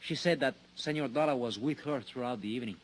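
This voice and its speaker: Slightly noisy old radio recording, male actor, Mexican-accented sergeant, mid pitch, dutiful, halting. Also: close to an everyday voice. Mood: hesitant, dutiful. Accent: Mexican Spanish. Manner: hesitant, deferential. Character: deferential, hesitant Mexican male police sergeant. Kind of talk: old time radio drama acting.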